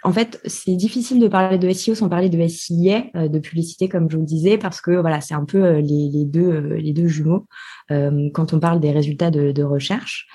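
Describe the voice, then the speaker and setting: Woman, podcast guest, husky mellow voice, hesitant explaining. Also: low-pitched, steady tone, fairly quick. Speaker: podcast guest, digital marketer. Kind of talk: podcast interview.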